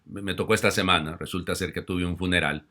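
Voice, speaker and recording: Deep-voiced, bright-toned preaching priest. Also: male voice, fairly even intonation, fast. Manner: conversational preaching with frequent asides and rhetorical questions; swings between loud emphatic exhortation and soft confiding tones. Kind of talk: homily.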